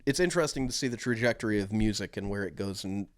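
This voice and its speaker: A man's voice: lowish voice, expressive, fast talker, dry recording, studio quality. A young man co-hosting a podcast, telling stories in a rambling way with lots of fillers. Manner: rambling, filler-heavy storytelling. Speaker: podcast co-host. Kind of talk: casual chat.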